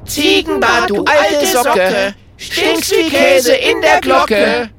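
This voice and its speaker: A man voicing a group of small storybook friends who shout taunting rhymes together. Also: very high voice, expressive, extremely slow, a loud crowd, pitched above the performer's own voice, heavily acted.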